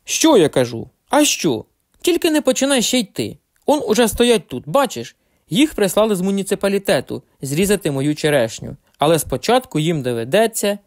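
A man's voice: sits high, very animated, moderate pace. A man voicing a stubborn, cheerful old grandfather who talks back defiantly. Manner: defiant, teasing.

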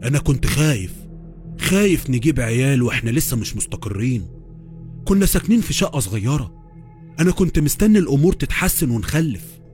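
Man doing a callous Egyptian husband, cold and brisk, story reading. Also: mid-range voice, lively intonation, darkish tone, soft background music, lightly acted. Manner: cold and insolent.

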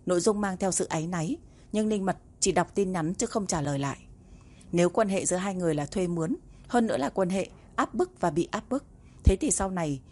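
Low-voiced woman narrating a novel. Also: a little mellow, slightly rough. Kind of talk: audiobook narration of a romance novel.

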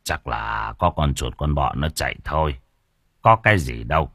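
A man voicing a kindly, calm elderly father who speaks in an unhurried, soothing and gently chiding way. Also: rumbling low, gravelly, no echo, clean studio sound, pitched below the performer's own voice, heavily acted. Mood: dismissive.

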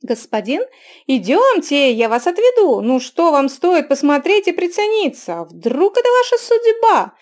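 A woman voicing a pushy, flattering young male bazaar barker who calls out in high, drawn-out, loud cries. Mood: wheedling.

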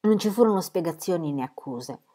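A woman reading a novel aloud, in measured and expressive audiobook narration. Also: fairly low pitch. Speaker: reader.

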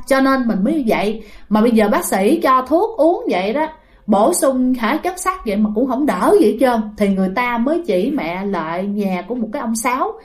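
A woman with a Southern Vietnamese accent casually telling a ghost story, chatty and talking straight to her listeners. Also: on the high side. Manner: chatty, addresses listeners directly, many fillers.

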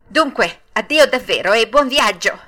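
A woman voicing Pinocchio, a naive wooden puppet boy, with dreamy drawn-out exclamations in an audiobook. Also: a little high, pushed and bright, voice pushed up. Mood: pleading. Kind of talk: audiobook character voice.

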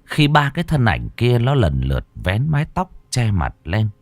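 A man's voice: medium pitch, huge pitch swings, normal speed, dry recording. A man narrating a ghost story dramatically, switching into many character voices.

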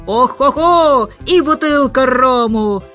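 A woman voicing a boisterous old male sea admiral who bellows nautical shouts in an audiobook. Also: sits high, expressive, takes it slowly, pitched above the performer's own voice, full character voice. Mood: hearty. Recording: muffled audiobook with faint music.

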